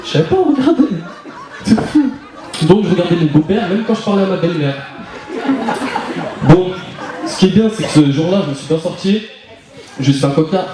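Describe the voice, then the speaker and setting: A young man from France performing stand-up comedy, chatty and animated, now and then putting on character voices. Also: sits high, normal speed, long pauses. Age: young adult. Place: live comedy venue, audience. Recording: echoey hall, far mic, crowd laughing.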